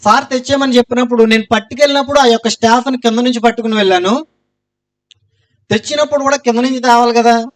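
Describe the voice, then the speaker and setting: High-voiced man giving an earnest testimony. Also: fairly even intonation, quick pace. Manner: earnest storytelling, loud cries of Jesus' name. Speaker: testimony speaker.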